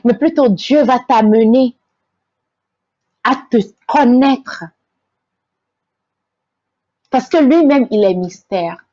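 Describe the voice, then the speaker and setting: A woman speaks slowly and earnestly in a faith-based inspirational talk. Her voice sits fairly high and she often stumbles over repeated words. The recording is dry and slightly dull, like lo-fi audio. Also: expressive, mellow, no echo. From Togo. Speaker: host, motivational speaker.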